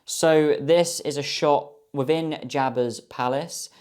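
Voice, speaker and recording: A man's voice: fairly high pitch, slow, a little mellow. Chatty young man opening trading cards. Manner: chatty, enthusiastic, many ums and guesses. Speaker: card box opener. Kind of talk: casual box-opening commentary.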